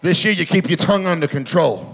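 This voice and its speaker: A middle-aged man preaching a charismatic sermon in a church, shouting declarations in chanted, repeated phrases. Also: on the high side, fast, vocal fry, big-room sound. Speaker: pastor. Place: church hall with congregation.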